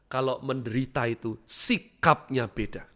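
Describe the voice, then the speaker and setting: A middle-aged man preaching a sermon in church, swinging between loud exclamations and hushed asides as he keeps calling out to the congregation. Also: medium pitch, a little slow. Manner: keeps addressing the congregation as "saudaraku". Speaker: pastor.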